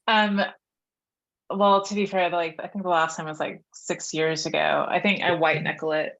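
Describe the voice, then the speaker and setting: A woman's voice: low-pitched, fairly even intonation, moderate pace, creaky, lo-fi sound. A woman on a coaching call, chatting in a hesitant, self-deprecating way. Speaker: caller. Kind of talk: casual chat.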